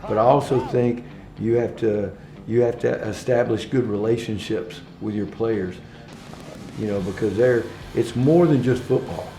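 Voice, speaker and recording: A man from Alabama who coaches football speaks earnestly, stopping and restarting his thoughts. His voice is mellow and relaxed. The sound is roomy, with faint music underneath. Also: lowish voice. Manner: earnest, halting, many restarts. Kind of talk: interview soundbites.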